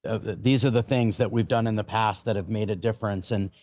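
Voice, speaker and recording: An American man speaking as a business guest in a podcast interview, explaining things with halting, repeated words. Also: fairly low pitch, fairly even intonation, a little mellow.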